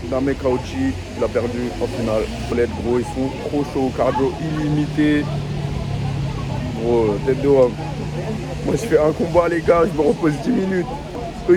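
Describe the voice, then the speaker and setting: A young man vlogging casually in French suburban street slang with an urban street accent, talking to viewers like mates. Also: mid-range voice. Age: young adult. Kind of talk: casual travel vlog. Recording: noisy handheld vlog with ambient vehicle noise.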